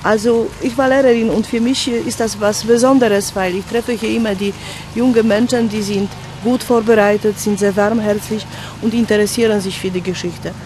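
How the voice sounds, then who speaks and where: An older woman speaks earnestly to a visiting group, her phrasing halting as she explains the site. She stands outdoors, with steady traffic and street noise clearly heard around her. Her pitch sits in an ordinary middle range. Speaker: tour guide for school groups.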